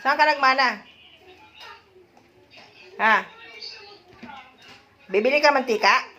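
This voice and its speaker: An older woman, a grandmother, teasing a small child with quick, playful questions in a casual home vlog. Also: high voice, pushed and bright, faint music behind. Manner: teasing, rapid-fire questions. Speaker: grandmother vlogger.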